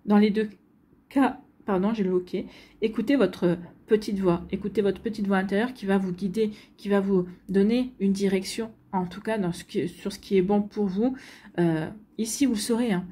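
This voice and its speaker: A woman's voice: mid-range voice, fairly even intonation, moderate pace, warm tone, husky. A woman doing a tarot reading for her viewers, talking straight to them with many fillers and restarts. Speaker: tarot card reader. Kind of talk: spontaneous tarot reading to camera.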